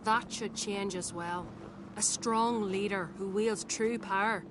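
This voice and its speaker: A woman's voice: medium pitch, fairly even intonation, slow, noisy background, close to an everyday voice. An actress playing a mature, ambitious widowed queen in a video game, speaking in a formal, imperious way. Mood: stern, ambitious.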